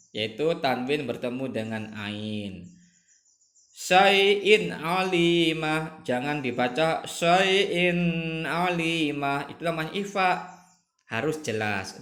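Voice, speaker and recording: A man's voice: medium pitch, fairly bright tone. A middle-aged male religious studies teacher giving a recorded lesson, repeating himself and stressing the recitation examples for his students. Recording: echoey room.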